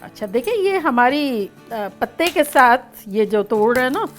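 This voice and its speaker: A woman with a high-pitched voice and big swings in pitch hosts a home cooking demonstration at a moderate pace, with faint music behind her. She's chatty and playful, talking through each step and singing snippets of songs.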